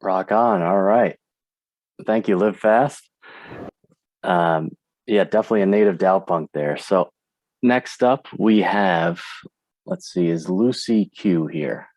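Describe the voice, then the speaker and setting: Man hosting, very low voice, dry sound, relaxed friendly moderating. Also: takes it slowly, pauses often, dry recording. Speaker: host. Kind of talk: moderating a voice chat.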